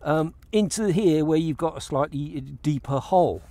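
A man's voice: fairly high pitch, moderate pace, mellow, dry recording. A middle-aged man on a kayak out on open water, talking casually to an action camera and explaining his fishing step by step, often restarting his phrases. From England. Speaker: fishing vlogger. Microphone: action camera mounted on the kayak.

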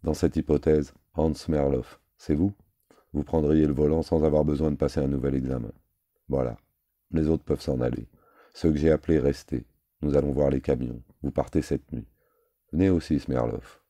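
A man voicing a gruff older boss who gives curt, brisk orders. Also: extremely low pitch, fairly even intonation, mellow, no room sound. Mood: commanding.

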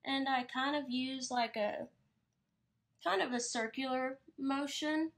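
A woman's voice: high-pitched, fairly even intonation, slow pace. A young woman painter chatting casually during a live studio stream, rambling a little and laughing easily, recorded on her phone in her studio. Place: her art studio, indoors.

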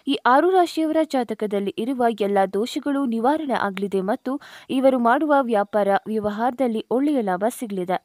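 A woman, reading a scripted astrology forecast and speaking directly to viewers in a steady read-aloud way. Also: fairly high pitch, dry recording, studio quality. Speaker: astrology channel narrator. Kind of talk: scripted narration.

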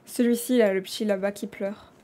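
A woman with a French accent, a streamer doing live game role-play, talking in an animated and dramatic way. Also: mid-range voice. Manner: animated, dramatic, quick swings in loudness.

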